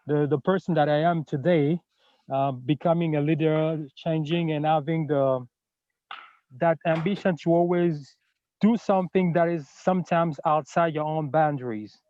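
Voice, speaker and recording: A man sharing a memory on a video call, friendly, pausing on fillers as he recalls. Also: a little high, steady tone, darkish tone, no echo. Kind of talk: casual video call chat. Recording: muffled lo-fi call audio.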